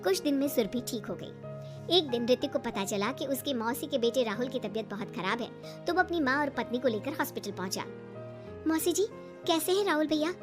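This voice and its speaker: A woman's voice: fairly high pitch, expressive, a little fast, over music. A woman narrating a cartoon story in a plain storybook manner.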